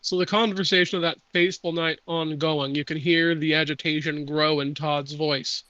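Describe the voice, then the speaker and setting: A man acting as game master, reading out rules and narrating a tabletop game in a slow, measured way with hesitant pauses. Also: fairly high pitch, steady tone, bright, forceful tone, dry recording, dull audio.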